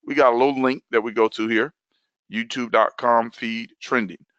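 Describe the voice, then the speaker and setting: A man's voice: mid-range voice, steady tone, normal speed, fairly bright tone, dry recording, muffled recording. A man coaching an online class on video content, talking loosely and repeating key phrases for emphasis. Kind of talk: live online training session.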